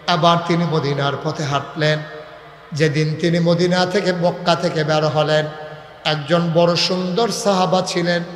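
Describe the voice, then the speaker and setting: A man preaching a sermon, telling a story in a sing-song voice that climbs to loud shouts. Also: a little high. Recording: echoey live PA sound.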